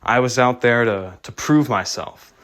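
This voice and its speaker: A man's voice: mid-range voice, unhurried, fairly bright tone. A young man with a nasal voice, casually telling self-mocking stories from his childhood, with plenty of restarts and fillers. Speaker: vlogger. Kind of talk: casual storytelling rant.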